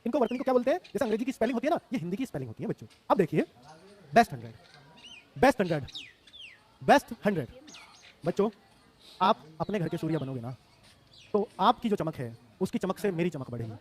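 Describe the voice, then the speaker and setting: A man's voice: sits high, big pitch swings, fast talker, pauses often. A man in his thirties with a Hindi accent, teaching a live online class for exam students, emphatic and repeating words to drill them.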